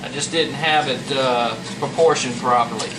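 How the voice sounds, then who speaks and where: A medium-pitched man speaking at a moderate pace gives a casual cooking demonstration as a home cook presenting a recipe, folksy and plain-spoken. He's indoors in a kitchen with a fan running, captured on a distant mic in a roomy space full of noisy fan hum.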